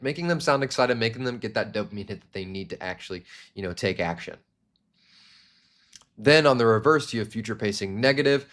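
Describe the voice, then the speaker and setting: A young man in his twenties teaching sales to camera, energetic and demonstrating different tones with hand gestures. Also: mid-range voice. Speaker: sales trainer. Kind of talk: instructional talk to camera.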